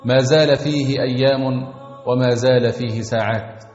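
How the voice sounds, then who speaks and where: A man's voice: mid-range voice, steady tone, moderate pace, darkish tone. A man preaching a sermon, exhorting his listeners with earnest, rhythmic repetition. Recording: echoey long reverb, dull sound, faint music.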